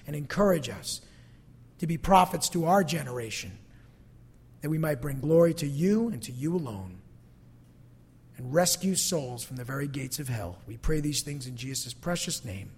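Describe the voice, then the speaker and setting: Here a man with a slightly high, husky voice preaches as a pastor, repeating phrases to drive his points home in an emphatic yet conversational way. He addresses a congregation and ends in prayer, with long hall reverb on the recording.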